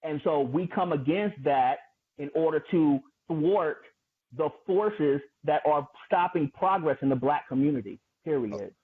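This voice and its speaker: A man argues his side in an online debate, sarcastic and pointed. His voice sits a bit high. The audio is thin and tinny like a phone line. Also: lively intonation, a little slow, breathy edge. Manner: argumentative, sarcastic. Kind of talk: heated debate.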